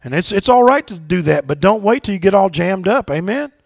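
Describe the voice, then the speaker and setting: A man preaching a sermon as pastor in a church, swinging from shouted exhortations to low, quiet asides and leading call-and-response with his congregation. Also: expressive, brisk, creaky, no room sound, clean studio sound. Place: church sanctuary.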